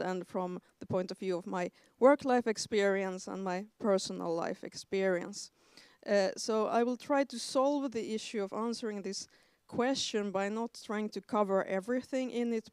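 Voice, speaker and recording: A woman in her forties, raised in Sweden, speaking as a historian on an academic panel in a measured way with frequent hesitations. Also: medium pitch, darkish tone, smooth, dry recording, clean studio sound. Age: 40s.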